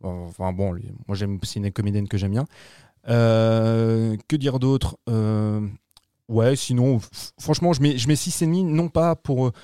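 A man reviewing a film in casual panel chat, animated and slangy, swearing freely and restarting his sentences. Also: lowish voice, a little slow, smooth, no echo, clean studio sound.

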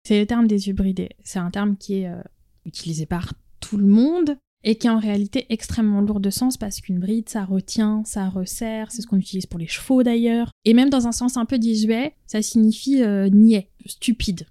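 A woman explaining a word in a deliberate way. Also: medium pitch, warm tone, dry recording, studio quality. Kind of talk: personal testimony.

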